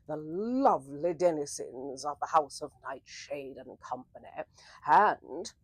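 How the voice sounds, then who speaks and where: A woman hosting an interactive story livestream in a theatrical, flowery old-fashioned manner, with a breathy voice. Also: fairly low pitch, dry recording.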